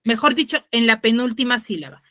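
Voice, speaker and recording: A woman teacher explaining over a video call, often checking understanding with quick tag questions and correcting herself mid-sentence. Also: a little high, animated, sharp tone, no room sound, clean studio sound. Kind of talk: online class explanation.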